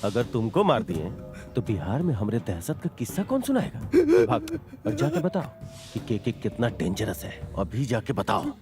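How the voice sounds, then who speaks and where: A man's voice: fairly low pitch, wildly swooping pitch, moderate pace, music in the background. A man dubbing a cunning, menacing gangster in a film. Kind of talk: Hindi film dub.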